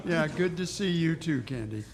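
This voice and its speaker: A man's voice: fairly high pitch, animated, normal speed. A man playing an easygoing, slightly awkward homicide inspector in 1940s radio drama style, folksy and hesitant. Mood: casual.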